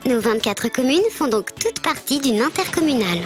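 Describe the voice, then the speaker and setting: A woman voices a friendly bird mascot presenting scripted civics explainers for an educational programme, in a didactic, structured, instructive manner. Her voice is high-pitched and animated at normal speed, with faint music behind her.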